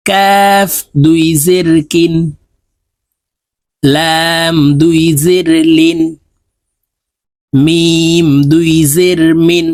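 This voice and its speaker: Guy drilling quran letters real slow, highish voice, dry close sound. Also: a little mellow, no room sound. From Bangladesh. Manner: recites each letter slowly and evenly for repeating after him. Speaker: Quran teacher. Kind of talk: slow recitation drill lesson.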